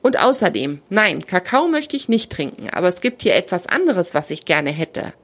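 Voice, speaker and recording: A woman's voice: lowish voice, very animated, normal speed, a bit bright, exaggerated voice. A woman reading the part of a greedy, sulky male talking magic pony in a children's story, with a reproachful, wheedling manner.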